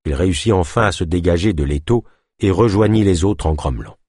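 Audiobook narrator, male: low, husky, very expressive, dry close mic. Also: brisk, no echo.

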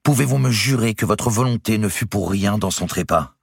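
A man's voice: sits low, lively intonation, moderate pace, breathy edge, no room sound, studio quality, voice pushed up, full character voice. A man voicing a devout young queen who speaks firmly and solemnly. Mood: insistent. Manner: firm, solemn, pleading.

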